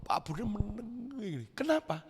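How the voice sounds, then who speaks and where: Male pastor preaching to youth, animated, high and gravelly, echoing through a big hall. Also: a little slow, slight background noise. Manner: lively preaching, swings from shouts to quiet asides. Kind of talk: youth sermon. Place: church hall. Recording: echoey church hall.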